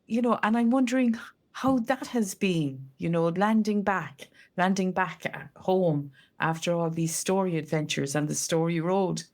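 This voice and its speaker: A woman's voice: fairly low pitch, a little slow. An Irish woman, a storyteller and co-host, chatting casually in conversation. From Ireland.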